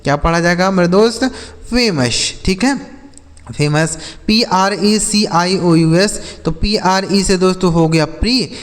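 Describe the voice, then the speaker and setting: A man teaching English reading who spells words out letter by letter, sounds them slowly, and keeps quizzing his viewers, whom he calls friends. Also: high voice, big-room sound. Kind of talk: spoken phonics lesson.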